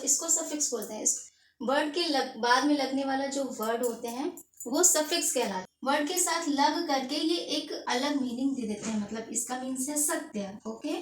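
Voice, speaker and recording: A woman teaching an English grammar lesson in Hindi and English, explaining step by step and checking in with "okay". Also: high voice. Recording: echoey room, distant mic, faint noise.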